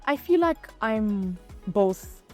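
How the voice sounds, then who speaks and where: A woman's voice: mid-range voice, animated, takes it slowly, soft background music. A young woman born in Zimbabwe and raised in South Africa, chatting openly as a podcast guest about growing up. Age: young adult. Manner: open and chatty, some restarts. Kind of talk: casual personal storytelling.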